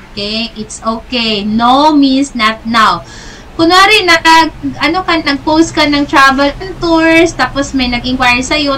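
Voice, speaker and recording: A woman's voice: sits high, bright, forceful tone, recorded from a distance, a little hiss or hum, low-quality recording. A woman mentoring business people in a chatty, motivational talk, checking in with her listeners after every few phrases.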